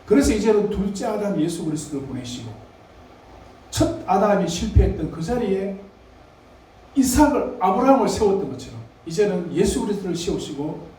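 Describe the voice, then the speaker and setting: Male pastor, sermon, mellow slightly high voice, heard from a distance in a big echoing church. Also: sing-song, brisk, slight background noise. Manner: conversational preaching, asks the congregation questions. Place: church sanctuary. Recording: echoey church hall, mic at a distance.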